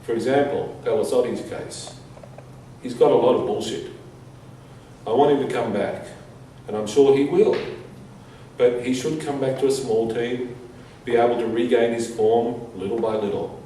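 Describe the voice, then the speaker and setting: At a conference, a man reads a prepared statement in a steady tone, his soft, mellow voice at medium pitch and his phrasing measured and deliberate. Heavy room reverb, distance from the mic, and faint background noise color the recording.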